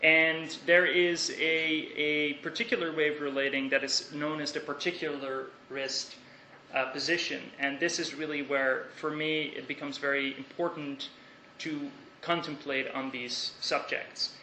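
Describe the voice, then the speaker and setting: Bright and fairly high, a young Dutch man's voice keeps a steady tone through a thoughtful, measured academic talk, pausing and restarting as he reasons. Faint hiss and roomy acoustics suggest a lecture hall.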